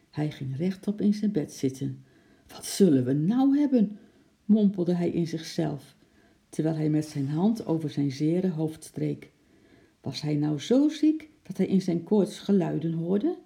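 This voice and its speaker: A man reading a children's story aloud, lively and acting out the noises. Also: on the high side, vocal fry. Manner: lively, acts out sound effects.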